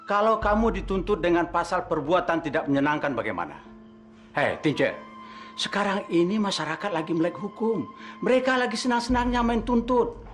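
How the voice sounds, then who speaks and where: Brief: pious uncle lecturing with a lively, swinging, slightly high voice. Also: male voice, moderate pace, soft background music. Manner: preachy, sighs pious exclamations. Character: pious, moralizing middle-aged uncle. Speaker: uncle figure.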